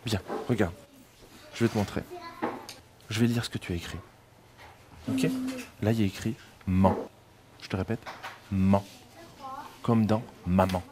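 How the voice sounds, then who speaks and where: A woman's voice: rumbling low, moderate pace, pauses often. A woman teacher in a classroom with a French Polynesian accent, patiently prompting young pupils syllable by syllable. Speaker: kindergarten teacher.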